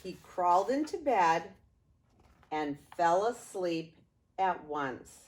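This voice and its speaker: An older woman, a grandmother, reading a children's story aloud in an expressive way, drawing out words and pausing. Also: lowish voice. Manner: expressive, with drawn-out words and pauses.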